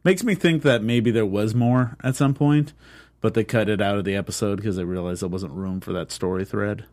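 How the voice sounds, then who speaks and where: Low-voiced man chatting about a TV episode. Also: a little mellow, no room sound. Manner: chatty, quick reactions and asides. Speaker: podcast co-host. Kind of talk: casual TV review chat.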